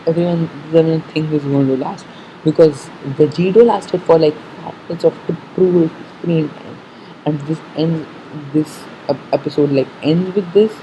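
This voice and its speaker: A fan giving casual commentary on an episode preview, haltingly thinking aloud, repeating and correcting themselves, on a muffled recording. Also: medium pitch, warm tone. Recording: muffled sound with faint background noise.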